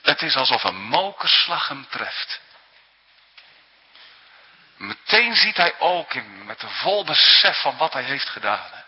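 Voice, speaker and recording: Slow husky-voiced male preacher. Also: mid-range voice, sing-song. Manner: earnest, emphatic, frequent tag questions. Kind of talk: sermon. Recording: dull lo-fi recording in a reverberant church hall.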